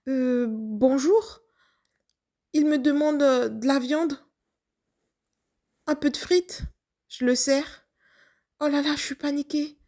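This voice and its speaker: A woman's voice: sits high, a little mellow. A woman acting out a young, lovestruck waitress who panics and keeps questioning herself. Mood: flustered. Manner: breathless, flustered self-questioning. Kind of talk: first-person story acting.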